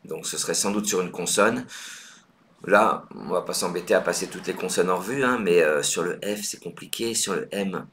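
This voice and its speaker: Low-voiced male teacher, patient, thinks aloud with pauses, live online lesson. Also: fairly bright tone, a little hiss or hum. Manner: counts points aloud briskly. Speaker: Scrabble teacher.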